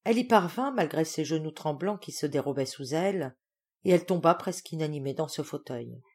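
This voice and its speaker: Woman reading an audiobook, low deep voice, steady storyteller. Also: slightly rough. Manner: measured storytelling. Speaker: audiobook reader. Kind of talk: audiobook narration.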